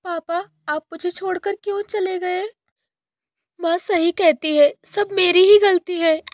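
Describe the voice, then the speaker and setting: A woman's voice: sits high, measured pace, no room sound, studio quality, pitched above the performer's own voice. A woman voicing a small girl sparrow in a cartoon story, with a childlike, pleading and tearful manner. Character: cheerful then grieving little girl sparrow.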